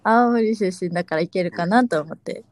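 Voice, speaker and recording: A woman from Aomori, a guest writer chatting modestly and laughing softly. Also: lowish voice, moderate pace. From Aomori, Japan. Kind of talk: casual chat.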